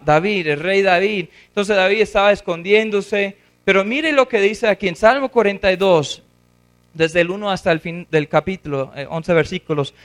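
A man with a notably high voice delivers a sermon as pastor. He reads scripture aloud and then explains it in his own words, with expressive emphasis.

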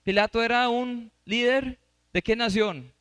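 A man's voice: very high-pitched, unhurried, fairly bright tone, smooth, dry recording. A man preaching and teaching from scripture. He reads passages aloud and stops to quiz his listeners. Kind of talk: Bible teaching.

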